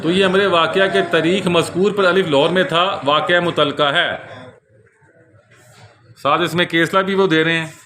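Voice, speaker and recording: Selling law books, a Pakistani-accented man offers an informal, conversational product rundown, restating his points often. His voice is on the high side, pushed and bright, with fairly even intonation at normal speed, captured on a handheld camera held in one hand.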